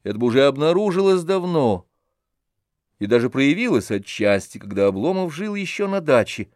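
A man narrating a classic novel as an audiobook in a steady, measured reading. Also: fairly high pitch, dry recording, studio quality.

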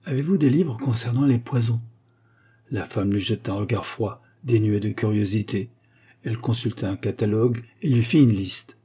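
Mec qui lit une nouvelle, voix basse un peu rauque, calme. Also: male voice, slightly rough. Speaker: audiobook narrator. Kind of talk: scripted narration.

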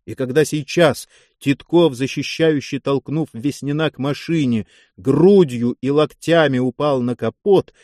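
A man giving a measured, dramatic scripted narration of a war novel. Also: mid-range voice, a little mellow, no echo, studio quality. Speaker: audiobook narrator.

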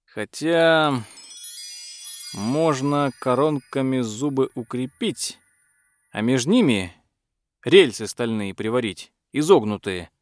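A man's voice: medium pitch, expressive, takes it slowly, long pauses, no room sound, faint music behind. A man voicing a sighing, suspicious young blacksmith in a fairy tale. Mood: doubtful. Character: weary doubtful young blacksmith.

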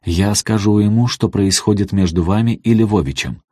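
A man voicing an indignant scolding housekeeper, storybook reading, husky low voice. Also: moderate pace, dark tone, no echo, clean studio sound. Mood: cold. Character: angry accusing female housekeeper.

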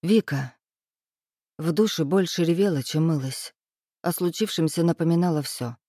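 A woman narrating a first-person audiobook in a measured, expressive reading. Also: deep voice, dry recording, clean studio sound.

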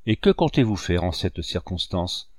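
A man's voice: deep voice, big pitch swings, normal speed, dry recording. A man voicing a scheming male swindler who speaks with irony and veiled threats. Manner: ironic and quietly threatening. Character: scheming middle-aged man, villainous swindler, veiled menace.

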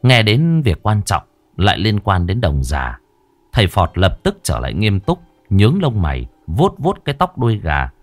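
Deep-voiced man telling a ghost story. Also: normal speed, soft background music. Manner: lively, dramatic storytelling.

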